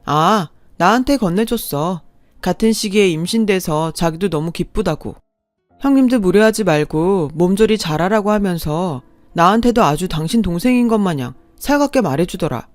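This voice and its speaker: A woman's voice: on the low side, expressive, normal speed, dry recording, faint music behind, close to an everyday voice. A woman voicing an easygoing young husband who brushes off complaints in a casual, placating way.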